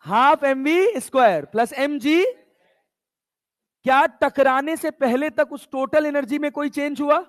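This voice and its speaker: A man's voice: extremely high pitch, unhurried. A male physics teacher lecturing a class, coaxing and teasing his students and scolding them casually.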